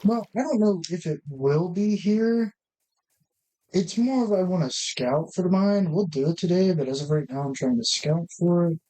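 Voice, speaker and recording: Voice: mid-range voice, lively intonation, normal speed, mellow, rough recording. A gaming channel host giving casual gameplay commentary, rambling and correcting himself as he thinks aloud at a desk mic.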